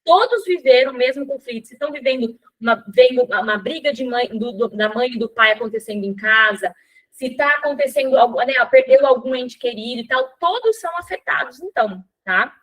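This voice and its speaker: A woman's voice: on the high side, animated, a little fast, fairly bright tone, rough recording. A woman hosting a course for mothers, telling a personal story in a casual spoken lesson full of fillers and acted-out dialogue. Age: adult with a child. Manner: chatty, many fillers like "né" and "tá"; acts out dialogue in her storytelling. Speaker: course host teaching mothers.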